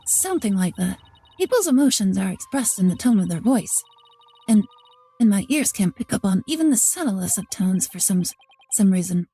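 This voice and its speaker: A woman's voice: mid-range voice, very animated, moderate pace, mellow, breathy edge, voice pushed down. A woman reading aloud as an earnest young female lawyer who explains what she hears. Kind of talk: reading game dialogue aloud.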